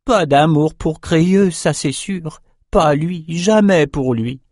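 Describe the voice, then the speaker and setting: Audiobook figure: a scrawny, crazed albino shaman. High, slow, odd-timbred, broken speech. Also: a little mellow, dry recording, clean studio sound. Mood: fawning.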